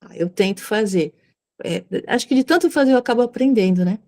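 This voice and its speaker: A woman's voice: fairly high pitch, expressive, brisk, darkish tone. A woman with a Brazilian accent sharing a personal story in a Gospel study group, repeating words and acting out quoted speech. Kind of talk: casual sharing in a group discussion.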